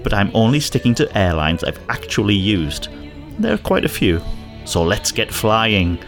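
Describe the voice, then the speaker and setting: A man's voice: fairly low pitch, sing-song, moderate pace, soft background music. A man hosting a podcast, narrating scripted commentary and personal anecdotes on his own. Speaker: podcast host.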